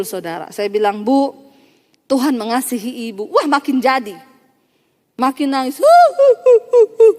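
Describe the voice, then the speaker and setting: A woman pastor preaching an animated storytelling sermon, acting out the dialogue and often calling out to the congregation. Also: fairly high pitch. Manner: animated, addresses congregation as Saudara, acts out dialogue. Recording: long church hall reverb.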